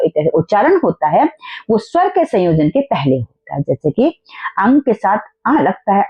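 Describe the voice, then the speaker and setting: Woman teacher, patient step-by-step explanation, husky voice, thin phone-quality sound. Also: fairly low pitch. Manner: patient, repeating syllables slowly for students. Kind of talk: explaining a school lesson. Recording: tinny phone-like recording.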